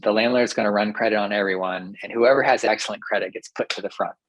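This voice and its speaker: A man, a professor, explaining ideas to a podcast host in a thoughtful, measured way with occasional fillers. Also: on the low side, steady tone, fairly bright tone, dry recording, low-quality recording. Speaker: professor guest. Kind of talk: explanatory interview talk.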